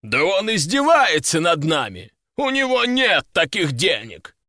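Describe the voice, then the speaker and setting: A man's voice: wildly swooping pitch, unhurried, sharp tone, no echo, studio quality, full character voice. A man voicing an indignant nobleman who blusters and shrieks over the bidding, in an audiobook reading. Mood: blustering. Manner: shrill, blustering. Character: indignant older nobleman with big sideburns.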